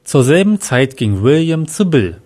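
A man reading a crime story as narrator in a steady, even way. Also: a little high, unhurried.

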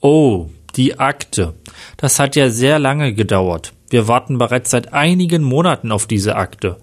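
A man's voice: mid-range voice, animated, a little slow. A man reading the lines of an impatient police unit head in a plain read-aloud manner. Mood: brusque.

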